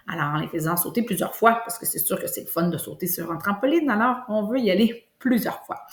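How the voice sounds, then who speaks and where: A woman with a Québécois French accent, teaching a kindergarten lesson and slowly stretching out sounds for young children. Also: on the low side. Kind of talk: classroom lesson video. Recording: echoey room.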